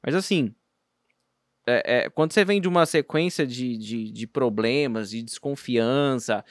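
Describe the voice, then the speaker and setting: A man's voice: mid-range voice, measured pace, dry recording, clean studio sound. A man with a Brazilian accent hosting a casual podcast chat, talking in a rambling, slangy way with many restarts. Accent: Brazilian Portuguese.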